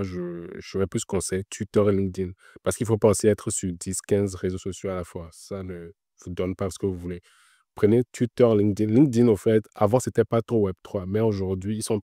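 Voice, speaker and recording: This interview guest, who works in Web3, has a fairly low, warm voice and gives casual career advice in an explanatory manner, restating points with many filler words. The audio is clean studio sound without any room sound.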